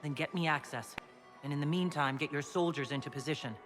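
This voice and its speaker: An actor playing a composed, decisive fantasy leader in a video game, with a cool, direct manner. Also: male voice, a little high, fairly quick, over music, close to an everyday voice. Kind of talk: video game cutscene acting.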